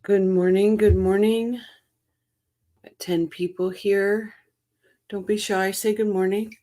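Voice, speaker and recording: A woman's voice: medium pitch, level tone, takes it slowly, dark tone. A woman hosting a casual livestream, greeting chat viewers by name with a tired morning voice. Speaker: livestream host.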